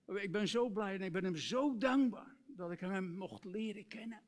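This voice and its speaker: A male preacher giving an earnest sermon, reciting hymn lyrics and dropping to soft, tender tones. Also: sits high, moderate pace.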